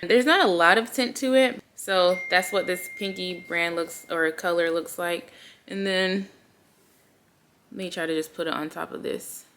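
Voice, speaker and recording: A woman's voice: fairly low pitch, measured pace, fairly bright tone, slight background noise. A woman in her late twenties chatting casually to her viewers in a vlog, upbeat and talkative. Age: late 20s. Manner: chatty, upbeat, says "y'all". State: has the hiccups. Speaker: vlogger.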